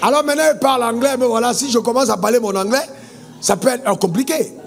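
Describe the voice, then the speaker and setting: A man's voice: very high-pitched, fast, creaky, big-room sound, soft background music. A male pastor preaching a sermon, calling on the congregation to answer amen. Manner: preaching with call-and-response amen prompts.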